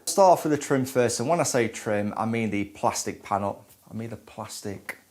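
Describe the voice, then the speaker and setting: A man's voice: medium pitch, lively intonation, moderate pace, darkish tone. A man in his thirties presenting a scripted tutorial to camera, flubbing and restarting his lines as in outtakes. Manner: flubs and restarts lines, repeating takes. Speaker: presenter of car detailing tutorials.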